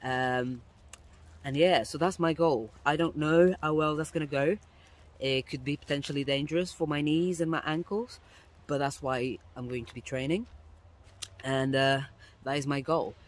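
A man's voice: a little high, normal speed. A young man talking casually to his phone camera outdoors on a woodland path, chatty and explaining things step by step, often restarting his sentences. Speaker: vlogger. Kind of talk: casual vlog talk to camera. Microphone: phone camera at arm's length.

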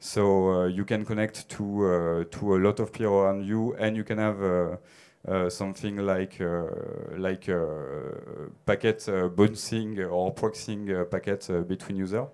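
A man with a French accent speaks into a handheld mic on a theater stage. His voice sits fairly low and sounds smooth and clear. He pauses and restarts often, filling gaps with hesitations as he answers questions. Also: fairly even intonation, darkish tone. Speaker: conference speaker. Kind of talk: conference Q&A answers.

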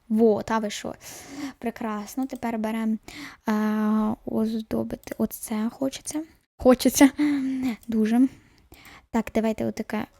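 A woman's voice: on the high side, vocal fry, warm tone, no echo. A woman chatting to her viewers while she plays a baking game, sometimes dropping into a whisper. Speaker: gaming video host. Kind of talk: casual gameplay commentary.

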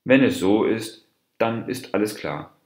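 A man's voice: fairly low pitch, lively intonation, a little slow. A man voicing a scheming male monkey from a fable, wheedling and mock-friendly in a roomy space. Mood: sly. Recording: roomy echo.

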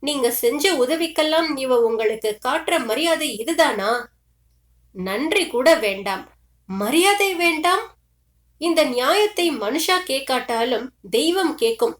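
A woman's voice: high-pitched, measured pace, reverberant. A woman voicing a grieving middle-aged mother who pleads and complains through tears. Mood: bitter anguish. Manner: tearful, pleading, bitter complaints.

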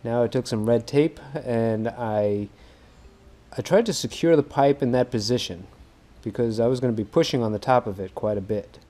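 A fishing video host in his thirties narrates a how-to project aboard a docked boat, relaxed and quick to laugh at himself. His mid-range voice has a mellow quality.

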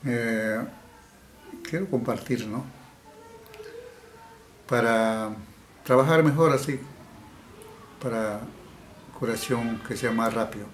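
A medium-pitched man, a healer from the Peruvian Amazon, gives interview answers slowly and haltingly, with many restarts and repeated words. Faint hiss and room echo fill the indoor space.

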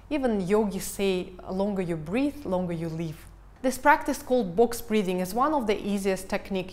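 A woman in her thirties giving a guided breathing lesson in a calm, instructional manner. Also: mid-range voice. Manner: calm, instructional, counting and cueing. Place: living room, indoors. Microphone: lavalier lapel mic.

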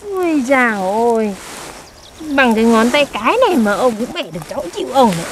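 A young woman trades teasing scolds in a comedy skit. Her voice sits high, and she exaggerates each jab. Faint insects and animals chirp outdoors around her. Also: big pitch swings, brisk, a little hiss or hum. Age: young adult. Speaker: comic actor.

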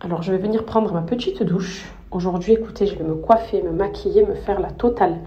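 Filming on a handheld phone during her trip, a young adult influencer talks to her followers in a lively, slang-filled, casual way, speaking a little fast in a croaky morning voice. The sound is lo-fi and noisy, with a low rumble in the background.

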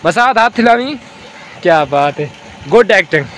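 A man's voice: high-pitched, lively intonation, moderate pace, a bit bright, a little hiss or hum. A man with a Saraiki accent from Pakistan, chatting casually and joking with friends in a village vlog. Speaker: village vlogger. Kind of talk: casual outdoor vlog chat.

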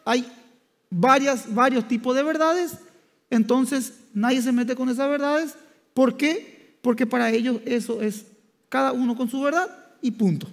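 High-voiced pastor preaching in a hall. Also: male voice. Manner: halting, with many restarts and "diríamos" fillers. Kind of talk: sermon. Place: church hall. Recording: long church hall reverb.

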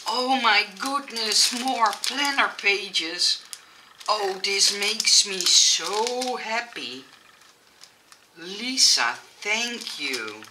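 A woman from the Netherlands with a Dutch accent, chatting casually and excitedly as she unboxes crafting gifts, often restarting her sentences. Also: mid-range voice, drawn-out words, far from the mic, noisy background. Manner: excitable and gushing, with frequent restarts and giggles. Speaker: crafting vlogger.

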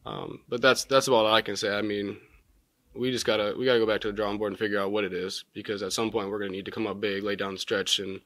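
A young man in his twenties, a college basketball player answering postgame press questions in a measured way with many filler words, seated at a table mic in a press room. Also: fairly low pitch, level tone, fairly bright tone, no echo. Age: 20s. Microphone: table mic in front.

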